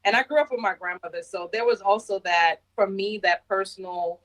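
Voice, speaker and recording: Joining a podcast by remote call from her home overseas, this woman, a Navy senior chief originally from Jamaica who grew up in Brooklyn, New York, reflects unhurriedly in casual conversation, laughing lightly now and then. Her mid-range voice is a bit bright, though the audio quality is poor.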